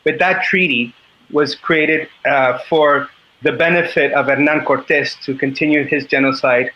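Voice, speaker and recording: A Chilean man in his fifties, a native Spanish speaker, speaking as a guest on a group call in a halting way and often clearing his throat. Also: fairly high pitch, fairly even intonation, a little hiss or hum. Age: 50s. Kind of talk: earnest talk on a call. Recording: dull lo-fi call audio.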